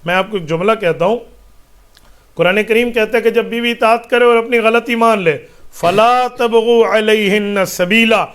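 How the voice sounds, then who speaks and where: A man's voice: sits high, fairly even intonation, a bit bright, smooth. A man answering listeners' religious questions as a mufti, speaking emphatically with rhetorical questions and repeated parallel phrases.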